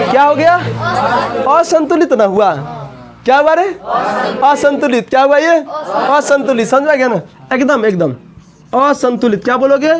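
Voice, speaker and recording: A man teaching a coaching class, often asking students questions and repeating the answers. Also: very high voice.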